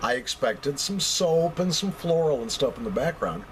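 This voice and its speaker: A man's voice: fairly high pitch, big pitch swings, normal speed, rough recording. An American man reviews in a casual, conversational vlog style. His mid-range voice moves up and down a lot as he stresses and repeats phrases. Some background noise sits behind him in a basement room. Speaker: pipe tobacco reviewer.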